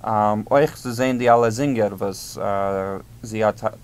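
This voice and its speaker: Guy cohosting a chat, stops and hunts for words a lot, clean smooth tone. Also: fairly low pitch. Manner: halting, searches for words with many pauses. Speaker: podcast co-host. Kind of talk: casual chat.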